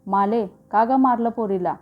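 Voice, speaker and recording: A woman's voice: fairly high pitch, a little slow, lo-fi sound, natural voice. Blunt old village grandmother, read by a woman. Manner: rural Marathi dialect speech.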